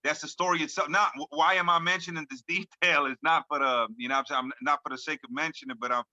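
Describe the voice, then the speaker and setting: He's a hip hop artist in his thirties, French-born and Lebanon-raised, guesting in a casual interview over a video call with dull, lo-fi audio and no room sound. His voice runs on the high side, sharp and steady, and he talks fast. The delivery is laid-back and slangy, packed with "you know what I'm saying."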